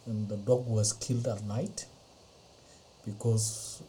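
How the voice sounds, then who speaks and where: A middle-aged man from Ethiopia, not a native English speaker, slowly recounting his life in a podcast interview with many pauses and fillers. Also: fairly low pitch, little pitch movement, warm tone, a little hiss or hum, rough recording. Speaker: interview guest. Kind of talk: slow personal testimony. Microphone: podcast interview mic.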